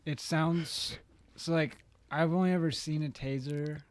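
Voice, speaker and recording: A man's voice: a little high, steady tone, measured pace, no echo, clean studio sound. Rambling casual young-sounding guy. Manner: rambling, heavy use of "like" fillers, swears casually. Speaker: podcast co-host. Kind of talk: casual chat.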